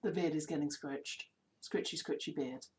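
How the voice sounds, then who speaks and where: A woman's voice: low-pitched, fairly even intonation, moderate pace. A woman chatting playfully and casually on her live stream.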